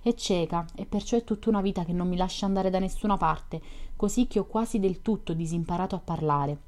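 A talkative young woman full of teasing questions, read by a woman narrating a novel. The voice sits fairly low and sounds mellow and soft-edged. She chats along in a quick, curious, playful way. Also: close to an everyday voice. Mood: chatty, teasing. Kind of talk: audiobook reading of a novel.

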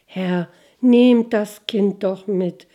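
A woman voicing a kindly old nursemaid in a fairy tale, who pleads slowly and imploringly. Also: mid-range voice, dull audio. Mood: pleading.

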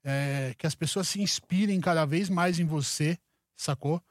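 A high-pitched male podcast host with a Brazilian accent. He chats in an informal, slangy and effusive way, recorded dry with hardly any room sound. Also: unhurried, no echo. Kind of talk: casual chat.

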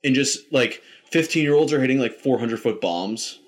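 A man's voice: mid-range voice, expressive, moderate pace. A young man talking casually with a friend, his speech loose and full of fillers. He breaks into laughter often while rambling through stories. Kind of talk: casual chat.

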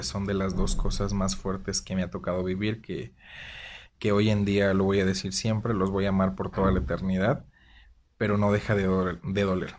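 Earnest Mexican man, low voice. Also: slight background noise. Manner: earnest, jokey and sentimental. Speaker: guest. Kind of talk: casual interview.

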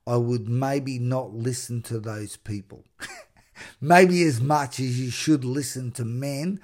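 An earnest man from Australia, middle-aged, talks through his travel stories in a solo podcast. He speaks at an ordinary pitch, and he gets excited and stumbles over his words as he pushes a motivational message. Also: takes it slowly. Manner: earnest and excitable, with many restarts and repeated words. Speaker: podcast host. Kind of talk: motivational storytelling monologue.

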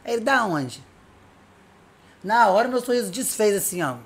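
Animated woman telling stories. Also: mid-range voice, normal speed, breathy edge. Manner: animated storyteller, acts out dialogue. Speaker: podcast guest, police officer. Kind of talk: casual chat.

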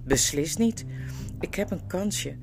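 A woman's voice: on the low side, expressive, takes it slowly, gravelly, noisy background, full character voice. A woman voicing a winded but determined young king after a sword fight.

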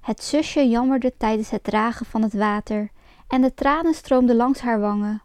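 A woman reading a fairy tale aloud as a storyteller, in a lively and expressive storybook manner. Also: fairly high pitch, moderate pace, clear, resonant tone, no echo. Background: faint music.

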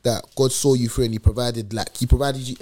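A man's voice: medium pitch, fairly even intonation, a little fast, darkish tone. A young man with a London roadman accent, co-hosting a casual chat in urban slang. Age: young adult. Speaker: podcast co-host.

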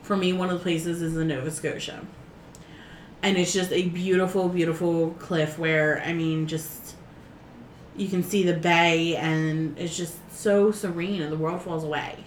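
A woman's voice: fairly low pitch, unhurried. A woman co-hosting a casual podcast chat, telling stories animatedly and acting out what other people said. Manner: animated storyteller, acts out quoted voices. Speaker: podcast co-host. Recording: echoey room with faint background noise.

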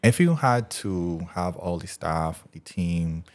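A man hosting a podcast interview, asking questions and warmly encouraging his guest. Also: sits low, animated, slow pace. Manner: encouraging and supportive. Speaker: podcast host. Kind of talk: casual interview talk.

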